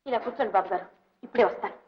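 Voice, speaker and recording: A woman playing a kind, quick-talking young woman. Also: fairly high pitch, natural voice. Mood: gentle. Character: kind young woman helping a leper, gentle and selfless. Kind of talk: 1960s Telugu film drama. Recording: dull old film soundtrack.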